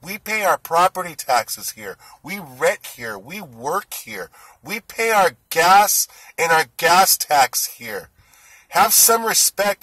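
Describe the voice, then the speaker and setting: A man's voice: high-pitched, sharp tone, no room sound, low-quality recording. Indignant man in his forties, tense voice. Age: 40s. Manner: indignant, ranting, rising heat. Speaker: food delivery driver. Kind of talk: angry monologue to camera.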